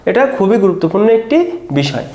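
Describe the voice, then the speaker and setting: A man's voice: sits high, expressive, fast talker, warm tone. A man teaches an exam-prep grammar lesson, patiently, one step at a time. He keeps prompting his students to look. The room echoes noticeably around him.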